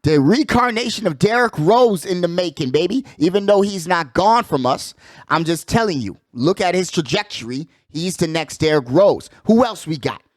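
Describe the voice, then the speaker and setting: A high-pitched, expressive male sports-show host speaks at normal speed in a studio-quality recording without echo. He hypes his points in casual slang, repeats phrases to drive them home, and keeps tossing in check-in phrases.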